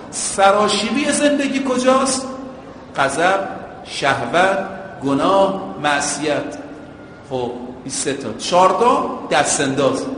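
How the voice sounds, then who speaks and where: This sermon comes from a man whose voice is high and fairly bright, recorded with slight noise in a hall that echoes with a long reverb. Comparing things to ordinary driving, he also breaks into chanted Arabic quotations.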